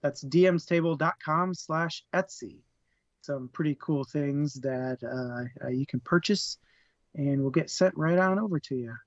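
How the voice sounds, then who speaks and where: A man with a voice on the high side and a measured pace co-hosts a live book discussion stream, chatty, laughing often, and sometimes tripping over his words. The recording is dry and lo-fi. He's doing casual live-stream chat with plugs and a rundown.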